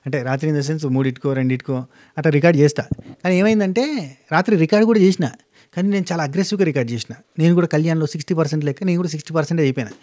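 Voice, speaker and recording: Man, rapid chatty recap, slightly high voice, animated restarts. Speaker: reality show recap vlogger. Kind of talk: casual show recap monologue.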